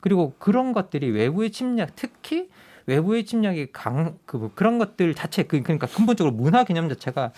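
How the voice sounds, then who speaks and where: Man with a lively pitch, explaining on radio. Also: a little fast. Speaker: guest commentator. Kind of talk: radio current-affairs discussion. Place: radio studio.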